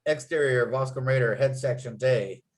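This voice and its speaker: Narrating a script table read, a man who is also the writer reads out screenplay scene headings and action. His voice sits at medium pitch and moves at a moderate pace.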